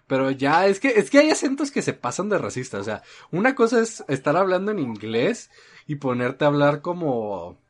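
A man's voice: on the high side, big pitch swings, normal speed. Rambling Mexican man in casual chat. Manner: rambling, frequent filler "este", trailing off softly.

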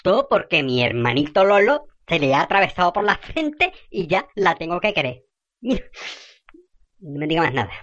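A fiery, foul-mouthed gossip. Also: female voice, on the low side, very animated, moderate pace, fairly bright tone, muffled recording. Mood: ranting. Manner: indignant rants with rural slang.

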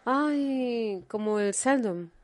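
Woman, quick interjections. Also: on the high side, animated, a little mellow, no room sound. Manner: quick interjections and short questions. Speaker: conversation partner. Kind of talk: casual chat.

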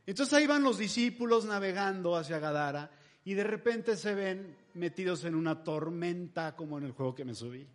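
A man preaching in a loose, joking storytelling manner. His voice sits high for a man and he chats with the congregation as if among friends. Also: normal speed. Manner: chatty, humorous storytelling. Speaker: pastor. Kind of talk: sermon.

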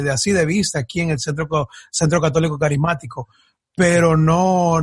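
A man's voice: on the high side, breathy edge, dry recording, studio quality. A man from Ecuador, a guest musician, talking in a casual podcast interview with many fillers and restarts.

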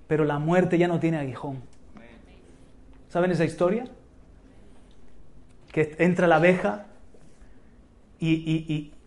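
A man with a Spain Spanish accent preaching an impassioned sermon as pastor, rising to exclamations. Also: a little high.

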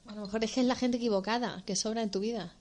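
A woman's voice: on the high side, steady tone, racing, a little mellow. Supportive woman co-host chiming in. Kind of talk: casual podcast chat.

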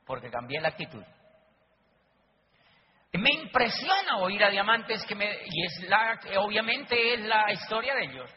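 A man's voice: high-pitched, very animated, unhurried. A man giving an emphatic motivational business talk, repeating his key lines and addressing the audience directly. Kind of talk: motivational talk with acted anecdotes. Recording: dull lo-fi recording with faint noise.

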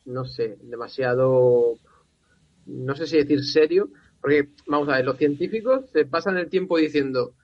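A man's voice: medium pitch, normal speed, no room sound, lo-fi sound. A man chatting casually about films as a podcast panelist, conversational and given to exasperated rhetorical asides. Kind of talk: casual film discussion.

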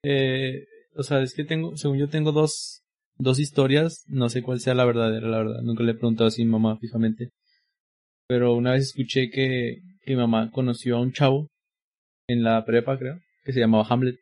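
A man's voice: mid-range voice, fairly quick. Chill guy telling stories, slangy, normal voice. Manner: relaxed storyteller, slangy. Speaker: podcast co-host. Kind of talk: casual chat.

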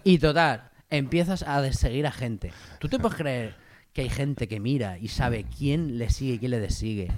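A man co-hosting a casual radio chat, telling an animated story and acting out the quotes. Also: medium pitch, normal speed. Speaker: co-host.

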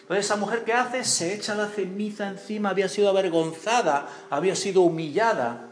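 A pastor preaching a sermon in church, telling stories with acted-out voices and questions to the congregation. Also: male voice, sits high, brisk, a little hiss or hum. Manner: animated storytelling, acts out voices and cries, asks the congregation questions.

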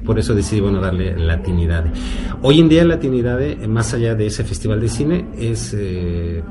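A man from Mexico City with a Mexican accent, a cultural promoter explaining things at length on the radio, pausing often with "eh". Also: on the low side, animated, over music. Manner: measured, explanatory, with frequent "eh" pauses. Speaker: guest, cultural promoter and musician. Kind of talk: radio interview.

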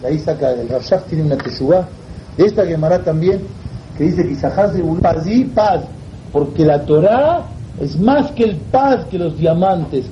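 A man, a religious teacher, giving a sermon with an animated story, repeating words for effect. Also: a little high, moderate pace, slight background noise. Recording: dull lo-fi recording.

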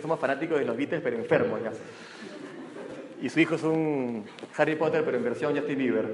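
Energetic Peruvian man on a hall stage. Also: on the high side. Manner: energetic and joking. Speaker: motivational speaker. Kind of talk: live seminar talk. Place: large hall before an audience. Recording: echoey hall with faint room noise.

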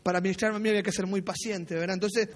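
A man's voice: high-pitched, fairly even intonation, racing. A male pastor, telling a personal story in a sermon. He is anecdotal and self-mocking, and keeps checking in with tag questions. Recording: long reverb of a church hall.

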